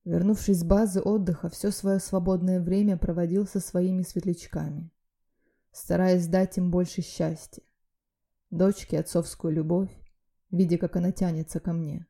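Brief: woman audiobook narrator, low, dark tone, gravelly, steady measured read. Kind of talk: first-person novel narration.

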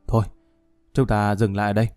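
A calm police colonel gives orders in a measured, steady way, as a man narrator puts him on. The voice is mellow and the recording dry. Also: lowish voice, no room sound, soft background music, pitched below the performer's own voice, close to an everyday voice.

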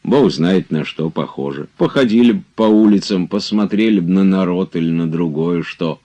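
A man's voice: low-pitched, moderate pace, mellow, highs cut off. A man reading aloud as an old servant who grumbles and pleads with his master in a storybook. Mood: pleading.

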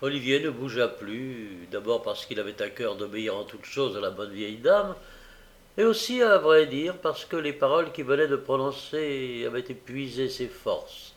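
A man narrating a classic novel as an audiobook, measured and expressive, with occasional small stumbles. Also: mid-range voice.

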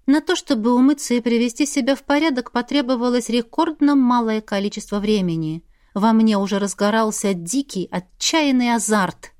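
A woman narrating a fantasy audiobook in the first person. Her reading is calm and expressive. Her voice sits slightly high. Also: moderate pace, dry recording, clean studio sound.

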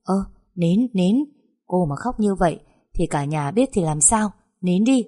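A woman's voice: on the low side, lively intonation, a little slow, dark tone. A woman voicing the teasing young master of a rich household, who coaxes one moment and probes coldly the next. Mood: coaxing. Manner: teasing, then coldly probing.

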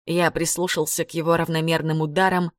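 A woman narrating a novel in a calm, even storytelling manner. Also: low-pitched, brisk, no room sound, clean studio sound. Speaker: audiobook reader. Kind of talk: scripted narration.

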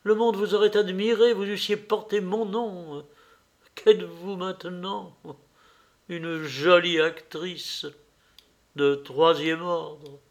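A man's voice: sits high, fairly even intonation, takes it slowly, voice pushed up. A man voicing a cold, scornful young man who bitterly rejects the woman he loved, in a read-aloud novel. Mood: scornful fury. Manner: loud, cutting, contemptuous outbursts.

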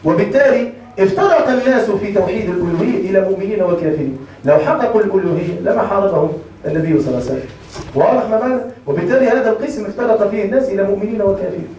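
Man, Tunisian Arabic accent, religion class lecture, dark mellow voice, very echoey room far from the mic. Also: sits high, racing, slight background noise. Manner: checks understanding often with rhetorical questions. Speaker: Islamic creed teacher.

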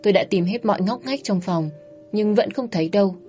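Brief: woman storyteller, brisk and wry, plain middle pitch, faint music underneath. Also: dark tone. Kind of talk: first-person story narration.

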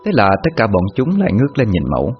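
Man, storyteller, dramatic folk tale, lively delivery, muffled audio, faint music. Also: on the low side, husky. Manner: measured, dramatic. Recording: muffled, with long reverb.

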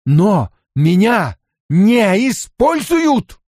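A man's voice: a little high, animated, normal speed, darkish tone, dry recording, studio quality, voice pushed up. A man playing a troubled, angry young man. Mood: furious.

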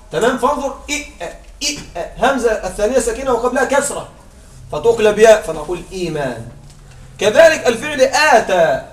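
A man teaching a grammar lesson, drilling examples aloud and checking understanding with frequent questions. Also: extremely high pitch. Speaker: Arabic morphology teacher. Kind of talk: classroom grammar lecture. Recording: echoey room, far from mic, faint music.

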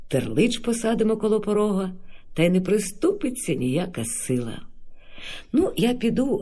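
A man's voice: sits high, darkish tone. A man doing a folksy old villager. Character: older village man, calm and knowing.

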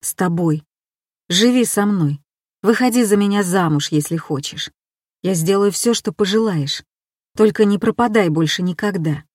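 A woman reading an audiobook and voicing a desperate male artist who pleads with his lover, dropping her voice lower. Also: normal speed, a little mellow, dry recording, studio quality, close to an everyday voice. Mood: pleading.

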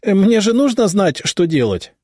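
A man's voice: high voice, big pitch swings, normal speed, a little mellow, no echo, clean studio sound, pitched above the performer's own voice. A man voicing a playful teenage sister. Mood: pleading. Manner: pleading, breathy. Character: playful eavesdropping young girl, teasing and dreamy.

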